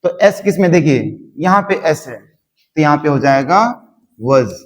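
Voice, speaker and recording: A man's voice: on the high side, animated. A man teaching a spoken English lesson, repeating words over and over as he drills his class. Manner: slow, repetitive drilling. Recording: long hall reverb.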